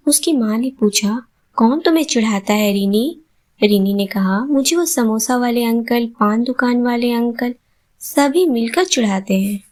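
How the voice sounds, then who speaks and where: A woman reads a children's story aloud with a fairly high voice. She takes her time and keeps narration and dialogue in the same even tone. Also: unhurried. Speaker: voiceover student. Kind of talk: storybook reading.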